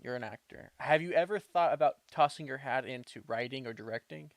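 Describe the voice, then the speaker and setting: A man's voice: mid-range voice, a little fast, no echo. Eager young male podcast host. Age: young adult. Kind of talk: casual interview conversation.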